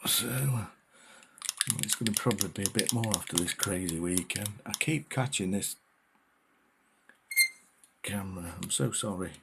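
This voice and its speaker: A man's voice: sits low, a little slow, vocal fry, pauses often, very noisy. A man giving a casual miniature painting tutorial, talking hesitantly with many fillers.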